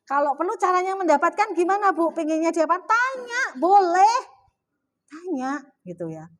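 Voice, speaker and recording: A woman's voice: very high-pitched, sing-song, fast talker. A middle-aged woman with a Javanese accent gives a chatty religious talk in a mosque, often asking her audience questions. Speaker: Islamic women's study speaker.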